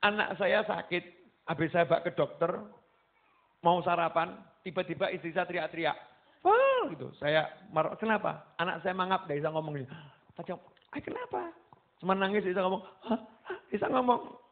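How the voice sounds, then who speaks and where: High-voiced Javanese preacher on a tinny line. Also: male voice, brisk, vocal fry. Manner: animated, mixing Javanese into his talk, acting out quoted voices. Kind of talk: sermon. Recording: tinny phone-like sound.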